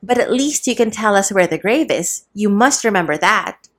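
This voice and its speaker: A woman's voice: medium pitch, expressive, moderate pace, close to an everyday voice. A woman reading a novel aloud and voicing a grieving young man who speaks with urgent intensity. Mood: intense.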